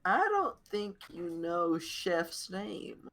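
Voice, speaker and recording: A man's voice: high voice, sing-song, drawn-out words, fairly bright tone, faint music behind. Casual man game master narrating. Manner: casual, rambling description with fillers.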